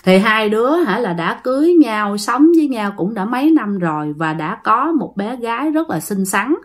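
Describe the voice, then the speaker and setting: A woman's voice: fairly high pitch, sing-song, moderate pace. A woman with a Southern Vietnamese accent retelling a ghost story, talking straight to her listeners and repeating words to build suspense.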